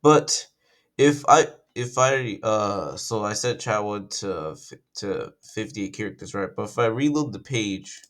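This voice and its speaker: A young man, croaky after just waking up, narrates a casual coding tutorial at his computer while thinking aloud and correcting himself. His lowish, fairly bright voice has lively intonation and a measured pace.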